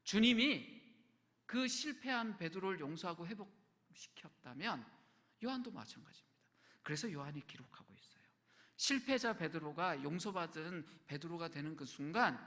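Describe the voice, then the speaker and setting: A pastor delivering a Sunday sermon in a fairly high, gravelly voice. He swings from hushed, almost whispered lines to bright, forceful emphasis. His words ring out with the long reverb of a church hall. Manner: shifts between quiet near-whispers and raised emphatic lines. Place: church sanctuary.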